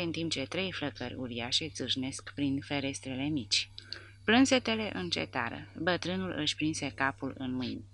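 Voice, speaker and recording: A woman narrating an audiobook in a measured, even reading. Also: low-pitched, vocal fry.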